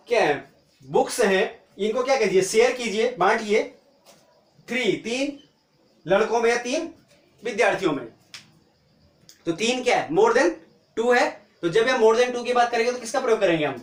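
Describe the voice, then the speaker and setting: A man's voice: high-pitched, roomy sound. A man teaching an English grammar lesson in Hindi, asking rhetorical questions and answering them himself. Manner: mixes Hindi with English example phrases.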